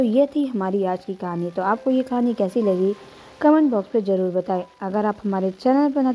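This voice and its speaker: A woman tells an emotional first-person story with earnest feeling. Her voice is mellow and soft-edged. Faint background music plays under her narration. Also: mid-range voice, rough recording. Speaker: storyteller and channel host.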